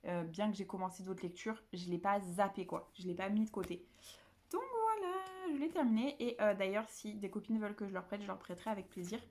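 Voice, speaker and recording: A woman from the south of France talks casually to her camera about books. She rambles, restarts her sentences and fills pauses often. Her voice sits at an ordinary middle pitch. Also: a little mellow. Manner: chatty, rambling, many fillers and restarts. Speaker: book vlogger.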